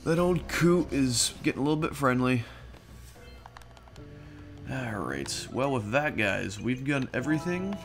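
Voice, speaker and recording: A man in his own everyday voice gives casual, jokey commentary over a video game and talks straight to his viewers. His pitch sits in the middle range for a man. Game music plays clearly behind him. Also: big pitch swings, unhurried, pauses often. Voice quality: chatty, jokey, addresses viewers as guys. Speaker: let's play host.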